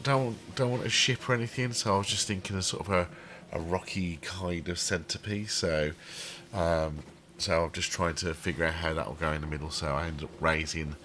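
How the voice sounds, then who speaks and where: Building a theme park in a game, a channel host comments casually, his throaty, low-pitched voice a bit bright and affected by a cold, with many ums as he rambles. A slight hiss or hum is present.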